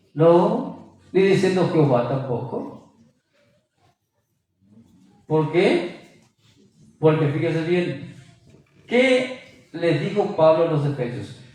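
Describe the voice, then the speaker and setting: High-voiced preacher in an echoey hall. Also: male voice, darkish tone, distant mic. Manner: emphatic, quizzes listeners with rhetorical questions. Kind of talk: sermon. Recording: very echoey room, voice from afar.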